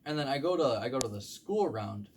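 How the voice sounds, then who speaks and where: A young man doing rambling stand-up comedy, halting with ums and likes and acting out the voices of people in his stories. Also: medium pitch, expressive, a little mellow, a little hiss or hum. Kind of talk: rambling comic storytelling.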